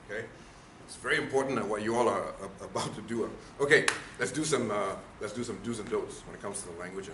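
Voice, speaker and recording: Talking fast with few pauses, this speaking trainer has a lowish voice. His workshop lecture is emphatic and full of questions aimed at the audience, and the room is echoey with faint background noise.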